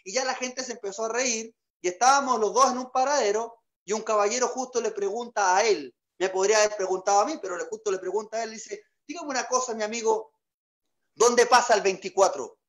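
A male comedian with a Chilean Magallanes accent, telling a comic story. His voice sits very high for a man, and he talks in a chatty way, full of crude slang and boastful jokes. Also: steady tone, quick pace, hardly any pauses, a bit bright.

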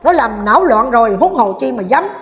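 A woman's voice: a little high, expressive, fairly quick. A woman vlogger, delivering a heated, combative rant and scolding while speaking directly to her viewers.

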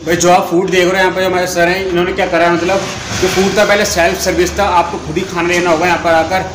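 He speaks quickly in a high-pitched voice with little pitch movement, against a noisy background. The young food vlogger, phone held at arm's length, gives a casual, talkative tour of a small restaurant and keeps calling viewers "brother."

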